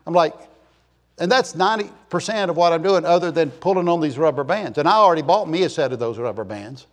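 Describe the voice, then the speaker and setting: A man in his sixties with a somewhat high voice leads a church gathering. He talks in a loose, folksy sermon style. He wanders through jokes and asides to people in the pews. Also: lively intonation, fast talker. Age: 60s. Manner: joking storyteller, chatty asides to the congregation. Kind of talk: folksy, rambling sermon talk.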